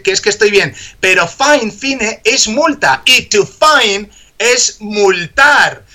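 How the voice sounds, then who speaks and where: A man's voice: sits high, sharp tone. A man hosting a live radio show, joking playfully as he teaches English words.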